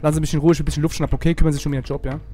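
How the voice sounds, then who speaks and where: Man, rowdy gangster roleplay, very fast, fairly high voice. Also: soft background music. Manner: loud, excitable street slang. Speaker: roleplay streamer. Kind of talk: in-character roleplay gameplay.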